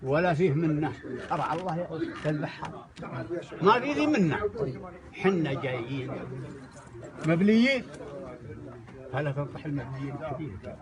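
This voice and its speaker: A man's voice: on the high side, animated, fairly quick, pauses often. A man with a Saudi accent arguing in a group dispute, insistently trying to get his word in. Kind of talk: argumentative talk in a group dispute. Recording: busy crowd of men talking around.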